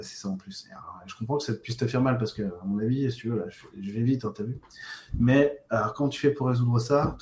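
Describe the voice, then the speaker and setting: A man talks through viewer questions in a loose, off-the-cuff way, filling pauses and restarting sentences while speaking to each person directly. His voice sits at an ordinary middle pitch. The room around him is echoey and live. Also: darkish tone. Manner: spontaneous, thinks aloud with many fillers and restarts. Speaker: spiritual coach answering viewer questions. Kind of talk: casual livestream Q&A. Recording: roomy echo.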